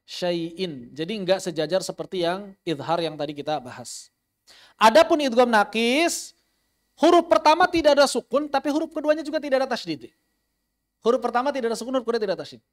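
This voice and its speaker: Man, high voice, tajweed teacher who repeats terms and demonstrates recitation. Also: expressive, fairly quick. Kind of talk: online tajweed lesson.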